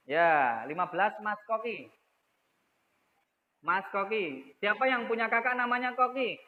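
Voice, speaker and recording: A man's voice: sits high, animated, measured pace, phone-quality sound. A man teaching young children in an online class, speaking patiently and repeating key words, heard through an echoey video call. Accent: Indonesian.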